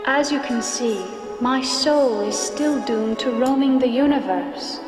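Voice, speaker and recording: Ghostly noblewoman for a game: gentle, formal, sorrowful, higher-pitched, long reverb. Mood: grave. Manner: solemn, slow, formal. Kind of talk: video game voice acting. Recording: echoing long reverb under loud music.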